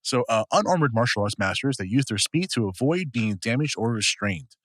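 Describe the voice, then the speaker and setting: A man's voice: medium pitch, expressive, fairly quick, a bit bright, dry recording. A man co-hosting a casual podcast chat, a bit tipsy and slurring slightly, rambling with many restarts and fillers. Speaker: podcast co-host.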